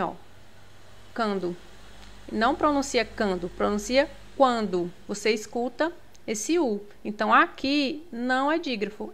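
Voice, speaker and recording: A woman teaching a grammar lesson, patiently working through exam questions and checking in with her students as she goes. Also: on the high side. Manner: patient, repeats key words, checks in with "tá?" and "ó".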